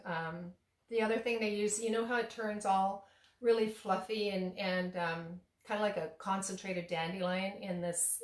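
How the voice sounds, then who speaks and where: Slightly hoarse and losing her voice, a medium-pitched woman rambles through a casual kitchen demo. She's a tea shop owner and cooking vlogger, restarting often, using lots of fillers, and laughing at herself in her echoey home kitchen.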